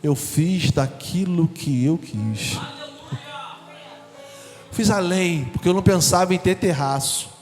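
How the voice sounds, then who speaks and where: A man's voice: a little high, takes it slowly, pauses often. A man preaching a testimony sermon, telling his story and acting out the dialogue. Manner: animated storytelling, acts out dialogue. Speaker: guest preacher. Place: church hall. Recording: long hall reverb with faint music.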